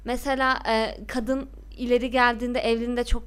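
A young woman in animated casual chat about a TV series, giving blunt, emphatic opinions. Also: fairly high pitch, fairly quick, clean tone.

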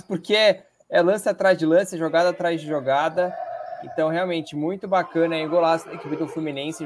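Male Brazilian co-commentator, casual match analysis, slightly high pitch, chatty and agreeing, light noise behind. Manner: chatty, agreeing, repeats tag questions. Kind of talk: casual live football analysis. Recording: faint background noise.

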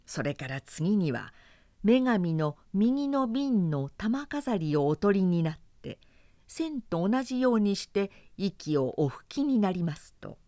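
A professional woman narrator reads an old myth in a gentle, polite, carefully paced storybook voice. Her pitch moves in a lively way, and the close studio sound is dry with no room. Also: takes it slowly, dry recording. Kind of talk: storybook narration of classic myths.

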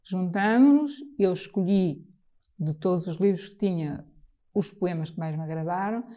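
A jazz singer from Trás-os-Montes in Portugal, answering interview questions in a casual, halting way with many restarts. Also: female voice, on the low side, dark tone.

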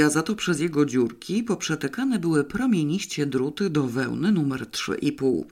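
A man reading a comic novel aloud as narrator, in an even, wry manner. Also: fairly high pitch. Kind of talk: audiobook reading.

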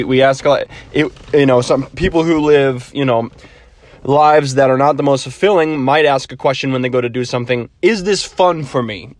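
A man thinking aloud in a rambling, self-correcting way on a quick solo podcast. His voice sits in a middle register and sounds a little stuffy. It is recorded close and dry inside a car. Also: medium pitch, dry recording. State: slightly stuffy after illness. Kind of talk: casual solo monologue. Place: car, while driving.

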